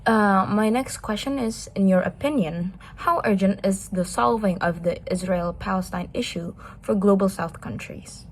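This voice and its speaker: A woman interviewer giving a formal, prepared introduction and then asking questions. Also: mid-range voice. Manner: measured, formal, reads prepared lines. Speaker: interviewer, host.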